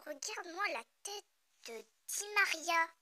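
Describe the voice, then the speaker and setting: A young woman from France reading a manga chapter aloud, stumbling over names, swearing casually and reacting excitedly as she goes. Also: extremely high pitch, unhurried, a little hiss or hum.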